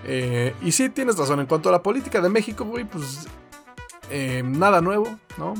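A man's voice: on the high side, big pitch swings, moderate pace, gravelly, soft background music. A Mexican man co-hosting a podcast, chatting casually in laid-back, slangy, sweary bro talk. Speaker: podcast co-host.

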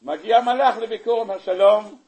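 A man, a rabbi, giving a sermon on the weekly Torah portion, telling the story in an animated way and throwing rhetorical questions at his listeners. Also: high-pitched, slightly rough. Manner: animated storyteller, acting out the scenes; asks the audience rhetorical questions.

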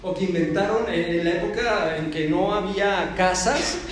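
A therapist and speaker with a Mexican accent gives a motivational talk in an echoey hall, joking around and voicing quoted characters as he makes his points. He speaks at a moderate pace in a high male voice.

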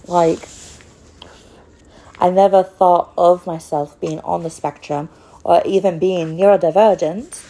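A woman's voice: fairly low pitch, mellow, slight background noise. A woman hosting a podcast, speaking in a rambling, casual monologue with many fillers. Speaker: podcast host.

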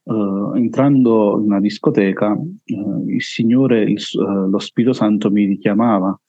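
A man with a Neapolitan accent and a heavy, full voice gives a halting personal testimony as an interview guest. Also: on the low side, fairly even intonation, mellow, slightly rough, no room sound, dull audio.

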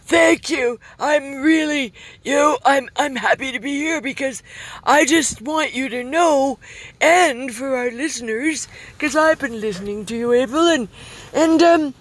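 Kindly wise old man, played by a woman: very high voice, slow and halting, earnest comedy podcast guest. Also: no room sound.

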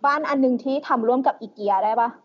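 A woman co-hosting a podcast in loose, slangy casual chat, halting often with fillers. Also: sits high, dull audio. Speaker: podcast co-host.

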